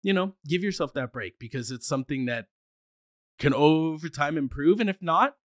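A man's voice: a little high, animated, moderate pace, no echo. Man with a stutter, dry sound. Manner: stutters at times, casual and laughing easily. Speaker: podcast guest. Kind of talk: casual conversation.

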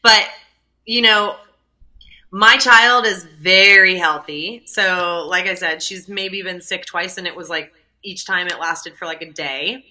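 Bright-voiced young woman telling stories. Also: on the low side, measured pace, poor audio. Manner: chatty, lots of fillers, storytelling. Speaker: guest, doula. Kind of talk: casual conversational interview.

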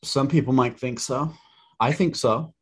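A man's voice: mid-range voice, a little slow, slightly rough. A man in his forties co-hosting a podcast, an attorney chatting casually and making wry jokes. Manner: joking, wry asides. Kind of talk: casual chat.

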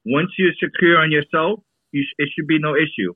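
Male caller, phone-line speakerphone sound, thin and lo-fi, dry, a bit high voice, relaxed. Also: fairly quick, dry recording. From Brooklyn, New York. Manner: relaxed, assured, repeats himself. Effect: heard over a phone call, like on speakerphone. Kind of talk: casual call-in chat.

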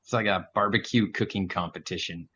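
Relaxed lower-voiced man, lo-fi audio. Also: brisk. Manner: relaxed, upbeat. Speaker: podcast co-host. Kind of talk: casual roundtable chat. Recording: dull lo-fi audio with faint noise.

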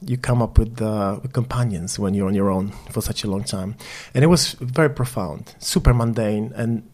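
A man's voice: lowish voice, moderate pace, a little mellow. A man from Poland speaking English, answering interview questions in a thoughtful, wry, self-deprecating way. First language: Polish. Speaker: photographer guest.

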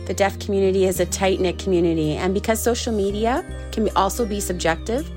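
A woman giving a first-person voice-over interpretation of a signer's words, in a calm, measured delivery. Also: medium pitch, soft background music. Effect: interpreter's voice-over translating sign language. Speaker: sign language interpreter.

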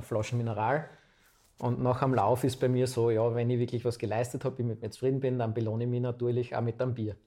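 A man in his twenties with an Austrian accent, telling his own story as a guest in a casual, chatty interview. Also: medium pitch. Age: 20s. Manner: chatty, relaxed anecdotal storytelling.

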